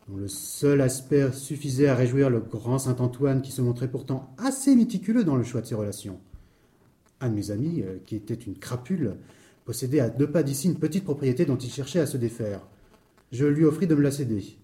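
A man's voice: mid-range voice, warm tone, close to an everyday voice. An actor playing a man who tells a friend a long, wordy story in a theatrical manner. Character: man recounting his house troubles to a friend. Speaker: storyteller in a stage dialogue. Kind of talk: theatrical reading.

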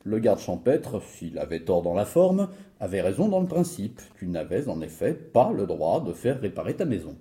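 An actor playing an ironic, knowing friend who lectures pedantically on the rules. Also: male voice, fairly low pitch, big pitch swings, normal speed, dark tone. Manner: pedantic, teasing.

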